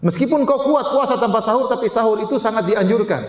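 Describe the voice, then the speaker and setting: A man giving a lively Islamic sermon, joking with listeners and quoting Arabic. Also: very high-pitched, fast. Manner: lively, jokes with the audience, quotes Arabic. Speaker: Islamic preacher. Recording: echoey hall with long reverb.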